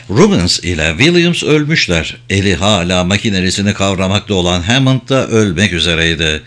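A man reading an audiobook aloud, narrating in a measured, dramatic way. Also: deep voice, fairly bright tone.

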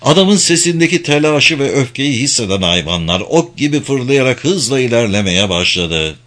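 Lively dramatic male audiobook narrator. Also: medium pitch, normal speed. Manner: dramatic storytelling.

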